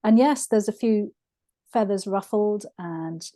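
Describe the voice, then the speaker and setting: A woman's voice: medium pitch, unhurried, warm tone, no echo. A middle-aged woman hosting a podcast interview, telling stories in a heartfelt way. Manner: heartfelt storytelling. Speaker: podcast host. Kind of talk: conversational interview.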